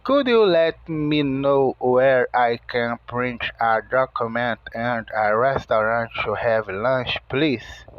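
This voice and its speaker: A man voicing a polite adult male American hotel guest who speaks English slowly, with carefully spaced words. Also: mid-range voice, lively intonation, gravelly, dry recording, dull audio, pitched below the performer's own voice, full character voice.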